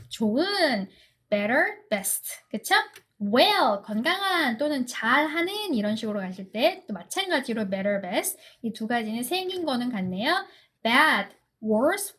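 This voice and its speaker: In an online English grammar lecture, a high-pitched woman asks check-in questions. She reads English example sentences slowly and carefully.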